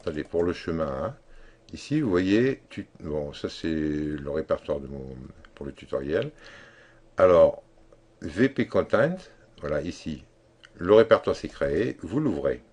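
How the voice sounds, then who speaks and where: A man giving a screen-recorded software tutorial, explaining step by step in a halting way with many fillers and restarts. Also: extremely low pitch, expressive, slightly rough. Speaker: tutorial instructor.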